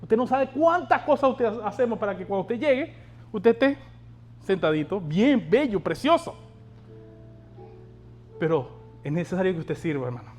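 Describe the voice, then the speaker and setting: A man with a notably high voice preaches to his congregation, pressing them with questions and calls to act. Faint instrumental music plays softly behind him. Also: very animated, normal speed, pauses often. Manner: exhorting, asks the congregation rhetorical questions. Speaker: pastor. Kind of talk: sermon.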